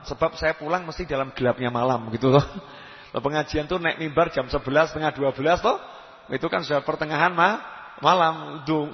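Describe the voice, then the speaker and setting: A man giving a religious lecture, lively and emphatic, dropping to soft asides. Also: mid-range voice, creaky. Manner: lively preaching, rising to emphatic calls, drops to soft asides. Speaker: preacher. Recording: lo-fi reverberant hall recording.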